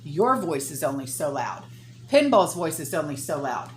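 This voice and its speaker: Over loud background music, a woman vlogs casually to her channel's viewers, her low voice sing-song at a moderate pace. She shares opinions bluntly and emphatically, in a folksy style peppered with swearing.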